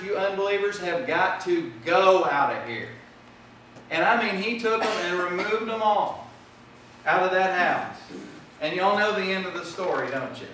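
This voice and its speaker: A man's voice: high voice, fairly bright tone, very echoey, distant mic, a little hiss or hum, low-quality recording. A man preaching a sermon with impassioned delivery that rises and falls in volume. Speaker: pastor. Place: church sanctuary.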